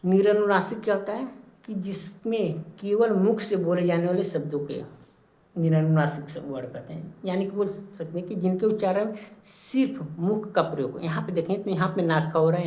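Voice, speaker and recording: A man's voice: sits high, normal speed, a little mellow. A man teaching an exam-prep lesson, explaining step by step and repeating key points with frequent check-ins. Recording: roomy echo.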